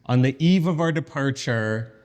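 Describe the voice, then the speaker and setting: A man's voice: mid-range voice, expressive, moderate pace, a little mellow. An American man chatting casually and informally to camera as a vlog host, in an echoey empty kitchen. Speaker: channel host. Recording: echoey empty room, faint music.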